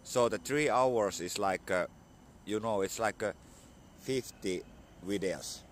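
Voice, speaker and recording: This is casual outdoor vlog talk from a man from Finland in his forties, phone at arm's length on a sunny spring morning. A cold has left him a bit hoarse; his English, Finnish-accented, is halting and filler-heavy. His voice is lowish, and a faint hiss or hum is audible.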